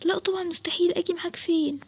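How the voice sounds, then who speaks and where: Anxious young Egyptian girl, a woman voicing, high and quick, for a cartoon story. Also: fairly even intonation, darkish tone. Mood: scared worried. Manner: worried pleading, quick. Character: frightened young girl Salma, cautious and anxious. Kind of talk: storytelling for an animated game video.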